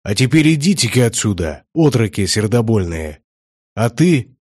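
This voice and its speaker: A commanding grey-haired warrior-prior with a deep bass, as a man reading an audiobook puts him on. He speaks slowly and gruffly, every order weighty and final. The sound is low and dry, close to the mic. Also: darkish tone, no room sound, natural voice. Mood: stern commanding. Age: older. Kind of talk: audiobook character voice.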